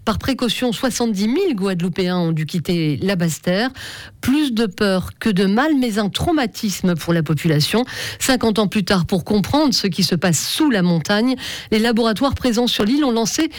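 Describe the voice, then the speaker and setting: A woman's voice: mid-range voice, expressive, moderate pace, no echo. Dry-sounding woman newsreader. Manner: crisp read news copy. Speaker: news presenter. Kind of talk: news presenting.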